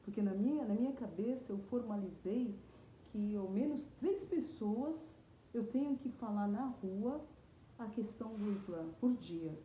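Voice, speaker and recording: A middle-aged woman with a Brazilian Portuguese accent, earnestly telling her personal story as an interviewee, often halting and restarting her words. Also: medium pitch, lively intonation, dark tone. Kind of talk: emotional personal testimony. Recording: echoey room with faint noise.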